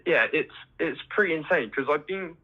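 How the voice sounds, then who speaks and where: A man's voice: on the high side, expressive, moderate pace. A man calling into a show, chatting casually and tagging his sentences with little asides. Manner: chatty, tags sentences with "you see". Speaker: caller. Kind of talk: casual phone-in chat. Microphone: phone. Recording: dull phone line.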